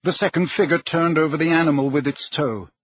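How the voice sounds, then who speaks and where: Husky man narrating a story. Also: a little high, no room sound. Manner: measured, dramatic storytelling. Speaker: audiobook narrator. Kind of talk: scripted narration. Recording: dull lo-fi recording.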